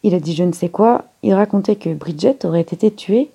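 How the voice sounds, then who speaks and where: A woman voicing an alarmed woman of the house, out of breath and firing off rushed questions. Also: lowish voice, gravelly, mellow, breathy edge.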